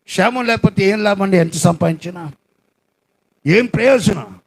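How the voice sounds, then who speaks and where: A man's voice: sits high, normal speed. A male pastor preaching an impassioned sermon in a prayer house, full of repetition and rhetorical questions.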